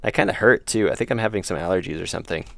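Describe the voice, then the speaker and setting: The audio is dry and studio quality. A young man talks very fast in a low, creaky, slightly bright voice while streaming his indie game work, answering chat casually. He wanders and keeps correcting himself, feeling slightly ill and losing his voice.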